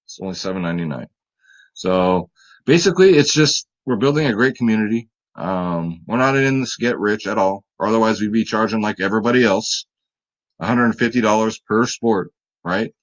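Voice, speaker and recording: A man's voice: fairly low pitch, lively intonation, fairly quick, poor audio. A man hosting a fantasy sports picks video, talking casually and straight to his viewers, tired late at night. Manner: chatty, hype-building, talks straight to viewers.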